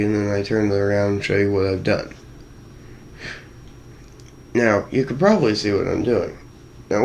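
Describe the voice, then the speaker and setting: His voice is mid-range and a little mellow, muffled inside a costume helmet, with a little hiss or hum in the recording. The man, a cosplay maker, uses a put-on British accent in a how-to vlog, wandering off on tangents and cracking self-deprecating jokes about his build.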